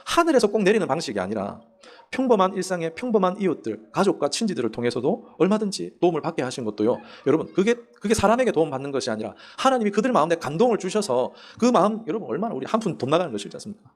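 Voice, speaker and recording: A man preaching a Sunday sermon in a rapid, talkative rush. His fairly high voice swings widely as he poses questions to the congregation and slips into the voices of people in his stories. The delivery stays conversational rather than formal. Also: big pitch swings. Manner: acts out quoted prayers and voices in the stories. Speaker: pastor. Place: church sanctuary.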